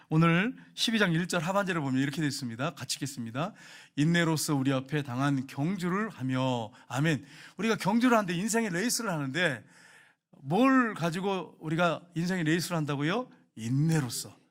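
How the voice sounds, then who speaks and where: A male pastor preaching a sermon in an emphatic, exhorting way, pressing his points to the congregation. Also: a little high.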